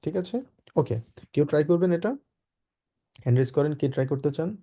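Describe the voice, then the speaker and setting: A man's voice: a little high, lively intonation, brisk, warm tone. A man teaching German vocabulary in an online class, patiently spelling words out and having students repeat after him.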